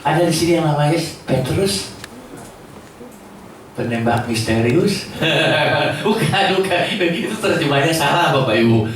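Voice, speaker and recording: Joking, animated male preacher; slightly high, far off in a booming church. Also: measured pace, slight background noise. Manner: lively, joking, mimics quoted voices. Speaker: pastor. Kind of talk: sermon. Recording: echoey church hall from far off.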